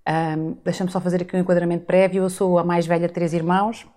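Reflective low-voiced woman telling her story. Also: flat delivery, quick pace. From Azores, Portugal. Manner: reflective, warm storytelling with rhetorical questions. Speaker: podcast guest. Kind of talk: casual interview chat.

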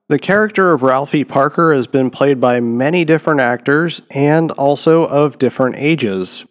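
A man hosting a solo film review commentary, with a nasal, slightly gravelly voice, stuffed up from a head cold. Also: medium pitch, in a large hall. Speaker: host of a film review show.

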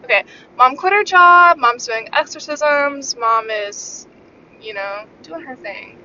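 Young woman podcast host, bright slightly high voice, rambling wry chatter, muffled car recording with faint road rumble. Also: takes it slowly. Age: young adult. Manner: rambling, filler-heavy, wry storytelling. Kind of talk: casual chat. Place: in a moving car. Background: faint vehicle rumble.

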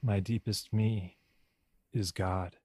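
A man guides a meditation in a low, husky voice with a dark, mellow tone. He speaks hushed and slow, repeating each affirmation gently. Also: steady tone.

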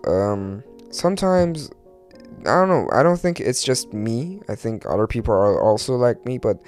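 A fairly low, slightly mellow male voice belongs to a podcast host from Iran who later settled in Turkey. Talking alone, he rambles confessionally, hesitant and self-deprecating, and swears casually.

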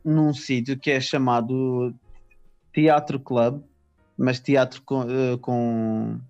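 A man's voice: mid-range voice, little pitch movement, slow, darkish tone, dull audio, faint music behind. A man from Madeira, chatting casually in slangy, stop-start anecdotes. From Madeira, Portugal. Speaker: stand-up comedian. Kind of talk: casual conversation.

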